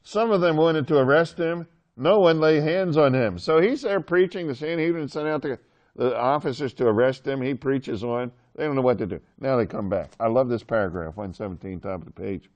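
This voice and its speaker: A man's voice: mid-range voice, brisk, a little mellow, muffled recording. A male Bible teacher talks his class through a passage in an easy, chatty way. He jokes with the students and keeps pulling answers out of them. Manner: chatty, joking with the class, asks questions.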